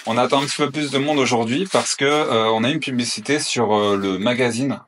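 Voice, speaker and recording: A man's voice: medium pitch, brisk, a bit bright. Dude vlogging about his candle shop, lots of euh, a bit of hiss. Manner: hesitant, many filler sounds. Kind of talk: casual vlog chat.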